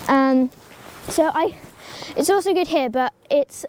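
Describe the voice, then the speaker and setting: Here a horse-care vlogger, a teenage girl with a slight cold, gives a relaxed grooming tutorial out in a stable yard next to a pony, now and then addressing the animal. She speaks slowly in a high, slightly mellow voice, rambling and filling gaps with ums and likes, over a faint hiss or hum.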